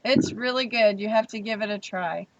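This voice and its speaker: A woman's voice: medium pitch, moderate pace, no echo, highs cut off. A young woman hosting a casual livestream, chatting freely and reading viewer comments aloud. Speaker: livestream host.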